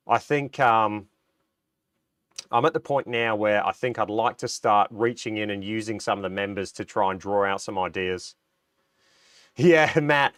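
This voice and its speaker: A middle-aged Australian man hosts a relaxed livestream, sounding a little nasal as he gets over a cold. He talks chattily, trailing off and restarting as he greets viewers by name. His voice is mid-pitched and recorded dry and close. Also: no room sound. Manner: chatty, reads out viewer comments, frequent ums and restarts. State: recovering from a cold, a bit nasal. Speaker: livestream host. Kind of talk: casual livestream chat.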